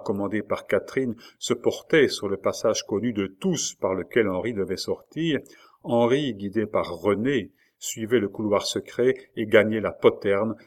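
A man narrating a historical novel aloud in a measured, expressive storytelling manner. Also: fairly low pitch. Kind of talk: audiobook reading of a historical novel.

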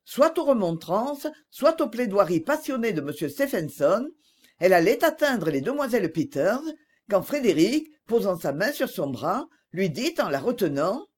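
A woman narrating a novel aloud as an audiobook, in a measured storytelling manner. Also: medium pitch, big pitch swings, a little mellow, husky.

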